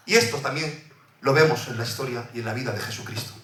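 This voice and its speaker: A man preaching a sermon in a church, swinging loud shouting to hushed, fervent delivery. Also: mid-range voice, quick pace, reverberant, distant mic. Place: church hall.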